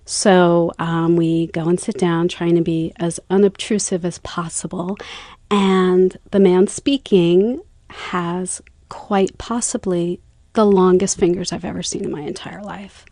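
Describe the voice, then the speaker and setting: A woman from the United States, a radio guest, telling a story in a lively, giggly way that often breaks into laughter. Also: fairly low pitch, unhurried, no echo. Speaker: interview guest. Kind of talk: casual storytelling.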